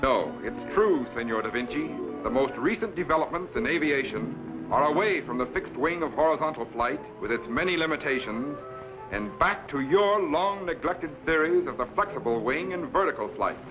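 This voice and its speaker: An actor playing an authoritative, courteous time-traveling captain who lectures formally in the declamatory style of a 1950s TV sci-fi serial. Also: male voice, on the high side, expressive, normal speed, music in the background, lightly acted. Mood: courteous, solemn. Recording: dull, lo-fi vintage broadcast recording.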